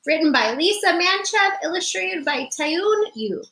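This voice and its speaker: A woman reads a picture book to young children, telling the story expressively and speaking straight to her listeners. Her voice is very high, her pace measured, and there is background noise.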